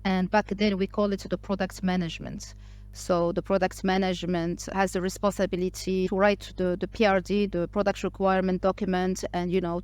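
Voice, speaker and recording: A Moroccan woman entrepreneur appears as a guest on a podcast, chatting casually in English with many fillers, restarts and hesitations. Her voice is medium-pitched and a little mellow.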